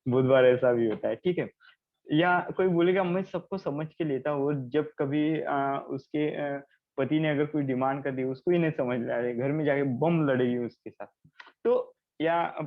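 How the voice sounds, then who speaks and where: Male healing trainer, fairly high voice, teaching online with role-played examples, dull lo-fi call audio. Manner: explains with acted everyday examples, asks "ठीक है?". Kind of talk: online class lecture.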